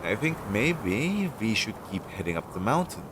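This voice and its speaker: A man acts in an intimate second-person audio roleplay as an anxious, devoted crow familiar, speaking softly, gently and hesitantly with pauses and a sing-song lilt. The recording is low quality with clear noise.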